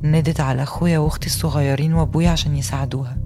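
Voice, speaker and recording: A woman voicing a hurt young Egyptian woman, fast. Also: low voice, steady tone, over music. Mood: sorrowful. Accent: Egyptian Arabic. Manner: earnest and intimate storytelling, rising to agitation in retold fights. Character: young woman recounting a harsh mother, earnest, hurt. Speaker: voice actor reading a personal testimony. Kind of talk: scripted first-person narration for a podcast.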